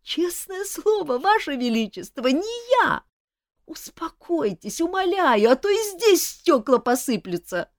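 Woman playing a mischievous male jester, high squeaky voice, giggly, dry close sound. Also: sing-song, unhurried, no echo, exaggerated voice. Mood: pleading.

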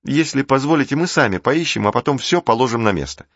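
A man reading the part of a shy, polite boy who gets excited by a discovery, in a dry, dull recording. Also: medium pitch, quick pace, dry recording, voice pushed up.

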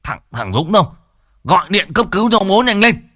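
A man voicing a panicking old father who shouts urgent orders. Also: sits high, big pitch swings, brisk, no echo, studio quality, voice pushed up, full character voice.

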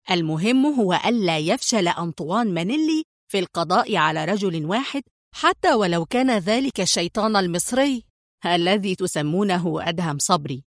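A woman's voice: fairly low pitch, no room sound, studio quality, lightly acted. A woman voicing a menacing male Italian hitman in a spy audiobook, with a mocking, hot-tempered manner.

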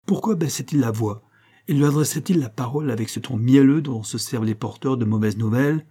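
A man narrating a classic novel as an audiobook, in a measured, dramatic reading. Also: mid-range voice, warm tone, husky.

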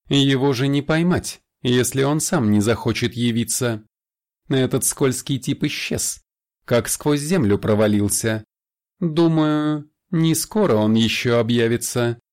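A man's voice: mid-range voice, unhurried, pitched above the performer's own voice, natural voice. A man voicing a sly, smirking male vampire elder who speaks in a raised, confiding voice in an audiobook. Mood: smug confiding.

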